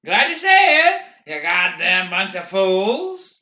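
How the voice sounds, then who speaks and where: A man's voice: high voice, big pitch swings, takes it slowly, pitched above the performer's own voice, heavily acted. A man doing a crude, jeering Midwestern youth. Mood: jeering shouts. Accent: Midwestern American. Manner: loud, cursing, mocking. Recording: roomy, dull lo-fi recording.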